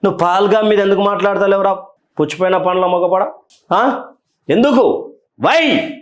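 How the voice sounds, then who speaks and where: Man, angry commentary, taunting rhetorical questions, high voice, echoey room. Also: animated, moderate pace, lo-fi sound. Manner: scolding, taunting, repeats his questions. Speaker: political commentator. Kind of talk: heated political commentary. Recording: roomy echo.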